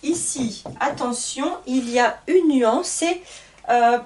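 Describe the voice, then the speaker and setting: A woman teaching a grammar lesson, spelling out letters and repeating word pairs slowly. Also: sits high, a little mellow, far from the mic. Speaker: French teacher.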